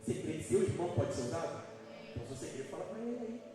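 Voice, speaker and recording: A man's voice: on the high side, sing-song, very fast. A man preaching a live sermon as pastor, emphatic and questioning his congregation. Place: church hall. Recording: echoey hall from far off, music behind.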